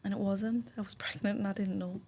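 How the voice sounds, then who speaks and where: With a warm, husky, medium-pitched voice and fairly even intonation, this podcast guest talks a little fast. In an indoor studio, she retells a personal experience emotionally and vividly, acting out what people said.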